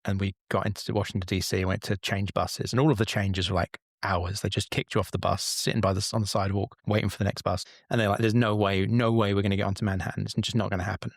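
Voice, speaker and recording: A man in his forties from England rambles through a candid personal story, dropping the odd swear word as he goes. His voice sits on the low side. The sound is dry and close to the mic. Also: little pitch movement, fast, creaky, few pauses, no echo. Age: 40s. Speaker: podcast guest. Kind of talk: casual storytelling.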